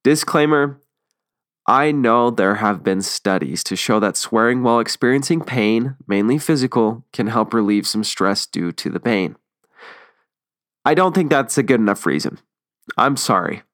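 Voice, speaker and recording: A man's voice: medium pitch, a bit bright, no echo. A young man talking earnestly and casually as the host of a solo podcast, chatty with frequent ums and restarts, close to the mic. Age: young adult.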